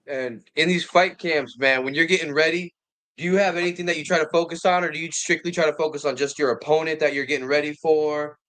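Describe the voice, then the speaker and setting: A man's voice: fairly high pitch, fairly even intonation, fast talker, a bit bright. A man co-hosting an interview, asking questions with joking, playful asides. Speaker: co-host. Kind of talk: casual interview chat.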